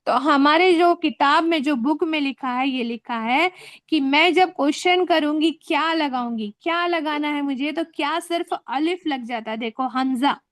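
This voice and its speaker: High-voiced woman teaching a class. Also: normal speed, hardly any pauses, a bit bright, no echo, studio quality. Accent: Indian Hindi-Urdu. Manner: patient, repeats questions to students. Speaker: Arabic teacher. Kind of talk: classroom lesson. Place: classroom with students.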